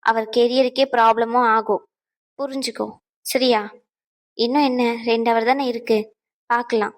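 A woman's voice: fairly high pitch, fairly even intonation, moderate pace, lightly acted, rough recording. A woman voicing a firm female doctor in a cartoon dub who lectures on hospital rules. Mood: lecturing. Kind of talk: cartoon dubbing.

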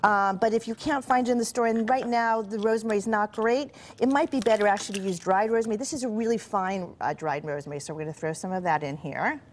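A woman's voice: medium pitch, fast talker, few pauses, slight background noise. A middle-aged woman cooking instructor walking through a recipe step by step on a TV studio kitchen set, friendly and explanatory. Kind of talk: cooking demonstration on a TV show.

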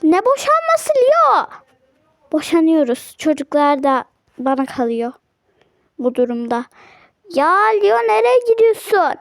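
A woman's voice: high voice, no room sound, clean studio sound, pitched below the performer's own voice, exaggerated voice. A woman voicing an angry young husband in a toy game role-play, dropping her voice to curse and threaten divorce. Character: angry husband, young man, furious and dramatic.

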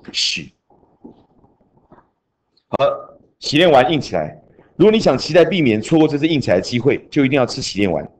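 A man, teaching an English class and drilling grammar rules with chanted mnemonics. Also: mid-range voice. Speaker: junior high English teacher. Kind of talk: classroom lecture.

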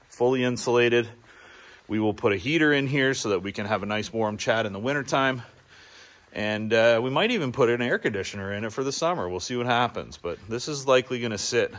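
A middle-aged man from Ontario, a builder chatting casually and easily as he walks through a small wooden building under construction. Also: medium pitch. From Ontario, Canada. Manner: chatty, easygoing, with filler restarts. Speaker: builder and small business owner. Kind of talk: casual walking tour vlog.

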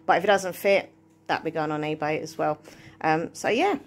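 Woman, Essex accent, slightly low voice, casual rambling vlog chat, recorded at home with noticeable background noise. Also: normal speed. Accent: Essex English. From Essex, England. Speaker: vlogger. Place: indoors at home, bedroom.

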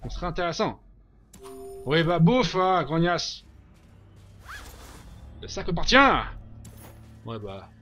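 A man hosting a let's play, giving casual gameplay commentary, reacting loudly, joking and swearing at the game. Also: fairly high pitch, very animated, slow, long pauses, faint music behind.

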